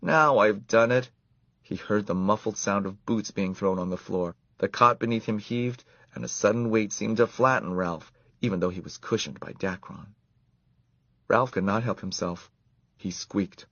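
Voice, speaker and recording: A man reading a children's story aloud in an expressive, animated way. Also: on the low side, moderate pace, no echo. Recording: dull lo-fi dry recording.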